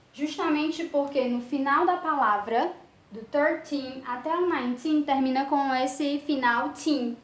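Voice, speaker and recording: Slow, high-voiced woman teaching in an echoey room. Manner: slow, drawn-out explanations. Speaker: English teacher. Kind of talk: lesson. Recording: echoey room with faint ambience.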